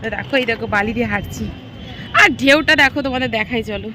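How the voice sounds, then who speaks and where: A woman with a hoarse voice from a cold, chatting straight to her viewers in a casual travel vlog, filmed outdoors on a handheld phone. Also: fairly high pitch, fast talker, noisy background. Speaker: travel vlogger. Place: outdoors, bus stop and beach.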